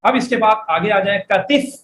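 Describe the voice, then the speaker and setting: In a classroom lecture, a man teaches Arabic vocabulary, drilling words and having his students repeat after him. His high-pitched voice is a bit bright and moderately paced, recorded in an echoey room with faint background noise.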